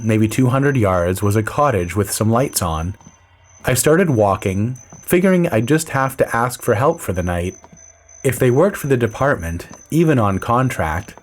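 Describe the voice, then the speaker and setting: A man with a fairly low voice reads a first-person story. His delivery is dry, measured and low-key, in the even manner of scripted storytelling. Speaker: narrator.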